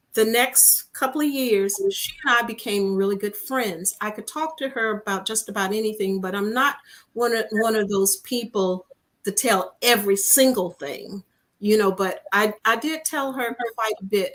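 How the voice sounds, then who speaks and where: A woman, an interview guest, telling a personal story in a lively way and often repeating "I said" as she recounts conversations. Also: on the high side, poor audio. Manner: animated, repeats "I said" as she retells dialogue.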